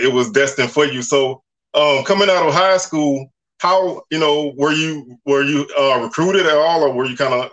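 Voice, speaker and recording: A man's voice: mid-range voice, bright, forceful tone. A man hosting a casual talk show over a video call, chatty and laid-back with lots of fillers. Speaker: show host. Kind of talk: casual interview.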